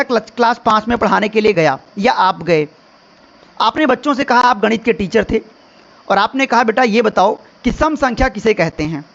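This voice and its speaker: A man's voice: extremely high pitch, gravelly, fairly bright tone, dull audio. A male teacher giving an online exam-prep lesson, calling viewers friends and quizzing them with rhetorical questions.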